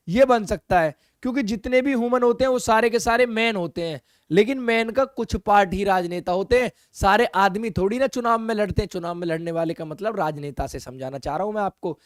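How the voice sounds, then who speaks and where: Guy doing an exam prep class, highish clear voice, pushes you along and repeats stuff, dry close mic. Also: no echo. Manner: brisk, coaxing, repeats key phrases. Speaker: reasoning teacher. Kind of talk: exam-prep video lesson.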